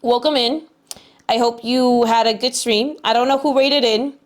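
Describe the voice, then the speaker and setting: A woman's voice: fairly high pitch, steady tone, normal speed. A woman livestreamer chatting casually with her viewers in a cute, bubbly anime-streamer way, often repeating herself.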